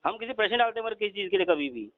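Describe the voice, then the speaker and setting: A man as a bank customer on a heated phone call, firm and steady, who keeps saying "okay ji". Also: high voice, rapid-fire. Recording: tinny phone line.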